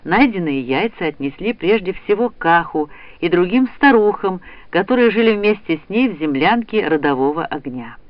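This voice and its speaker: Male audiobook narrator, high and very animated, dry and close, slightly muffled sound. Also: moderate pace, hardly any pauses, dry recording. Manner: expressive reading. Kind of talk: storybook narration. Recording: dull, slightly lo-fi recording.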